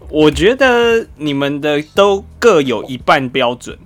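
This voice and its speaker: A man's voice: on the high side, sing-song, measured pace, faint music behind. A man with a Taiwanese Mandarin accent hosting a podcast quiz with casual banter. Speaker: podcast co-host running a quiz.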